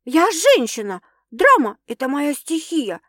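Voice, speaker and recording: A flustered, dramatic young woman bursts through this audiobook scene, her lines pitched high and pushed loud, as a woman reader takes her on. The sound is dry and close, with no room around it. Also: normal speed, no echo. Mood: agitated. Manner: excitable, exclaiming, higher and louder than narration.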